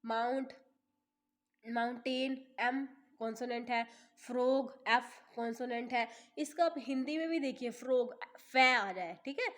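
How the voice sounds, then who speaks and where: Slow-reading Indian woman teaching English. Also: on the high side. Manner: slow, deliberate reading of examples, then quick explaining in Hindi. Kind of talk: classroom grammar lesson.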